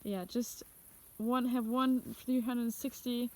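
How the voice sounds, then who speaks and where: A woman's voice: fairly high pitch, little pitch movement, slow pace, a little mellow. A young woman from Germany, a native German speaker, hesitantly giving a casual outdoor tour with many fillers. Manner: hesitant, searching for words, frequent fillers. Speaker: architect giving a house tour. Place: outdoors in the countryside.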